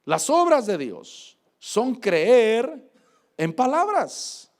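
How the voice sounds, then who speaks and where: A man's voice: very high-pitched, huge pitch swings, extremely slow. A man preaching a sermon, exhorting his listeners and calling them brother.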